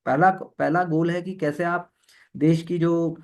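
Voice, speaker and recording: Higher-voiced male exam tutor. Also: fairly even intonation, slow pace, a little mellow. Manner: code-switching, repeats words, leans on fillers. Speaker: exam prep teacher. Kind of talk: explaining news editorials to students.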